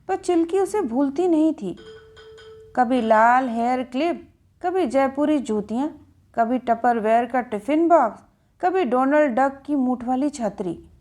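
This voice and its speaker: An older woman narrating a family story in an expressive, gentle storytelling manner. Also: sits high.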